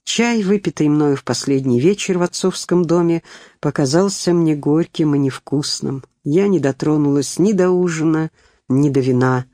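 A reader narrating a first-person novel in a tender, measured storytelling manner. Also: mid-range voice, mellow, no room sound, studio quality. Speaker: audiobook reader.

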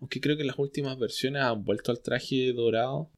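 Man, mid-pitched voice, podcast co-host, dry humor. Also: fairly even intonation, moderate pace. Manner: dry jokes, reads listener questions. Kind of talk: casual chat.

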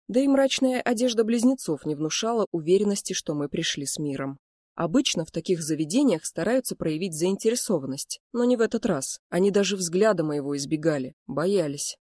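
Woman narrator, calm first-person storytelling, dry close recording. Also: on the low side, dry recording. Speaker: audiobook reader.

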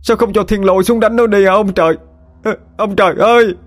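A man voicing a young male rascal who wails to the heavens in a shrill, melodramatic fake grief. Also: steady tone, fairly quick, lightly acted.

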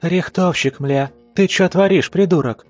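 A man voicing a furious, foul-mouthed young woman who is stuck and yelling in an audiobook. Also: sits high, measured pace, faint music behind, voice pushed up. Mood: outraged. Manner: swearing, yelling.

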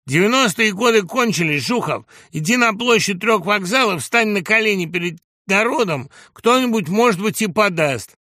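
A man reading aloud, voicing an insolent young male troublemaker who yells insults. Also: high voice, lively intonation, normal speed, hardly any pauses, no room sound, studio quality, pitched above the performer's own voice. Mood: yelling, insolent. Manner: yelling insults.

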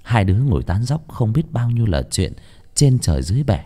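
A man narrating a horror story as an audiobook in an expressive, varied delivery. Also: lowish voice, fairly quick. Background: faint music.

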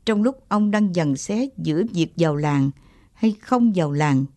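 Calm woman narrating a story. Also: on the low side, unhurried, dry recording.

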